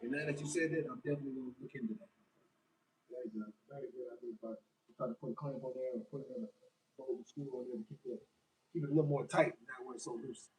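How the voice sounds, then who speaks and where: A man's voice: medium pitch, steady tone, very fast, a little mellow, distant mic, rough recording. A young adult man on a casual fitness livestream, reading viewer comments and answering them in a loose, chatty way.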